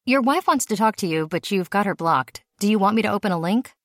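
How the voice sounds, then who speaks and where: Brief: quick, businesslike secretary on a screen, read by a woman, dry close sound. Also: medium pitch, animated, fairly bright tone, dry recording, voice pushed up. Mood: brisk. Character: brisk office secretary on a screen.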